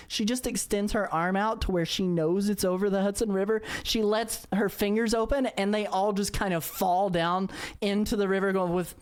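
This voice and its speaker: A woman's voice: mid-range voice, clear, resonant tone. A woman narrating a tabletop game as game master, with many fillers and restarts. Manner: filler-heavy, halting narration.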